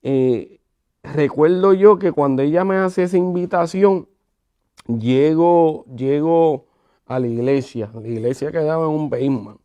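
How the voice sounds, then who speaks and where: A man telling his conversion story in a conversational, animated way, acting out the quotes. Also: a little high, measured pace, clear, resonant tone, highs cut off. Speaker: guest sharing his testimony. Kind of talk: conversational testimony.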